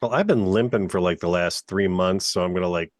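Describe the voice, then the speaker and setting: A man's voice: low-pitched, brisk, no echo. A man chatting casually as a podcast co-host, rambling and joking at his own expense with some swearing. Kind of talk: casual chat.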